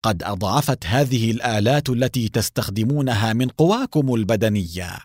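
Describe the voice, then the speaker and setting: A swaggering masked rider, put on by a male storyteller, boastful and mocking as he taunts his opponent. The voice moves lively in pitch. It is recorded close and dry. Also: brisk, dry recording. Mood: taunting.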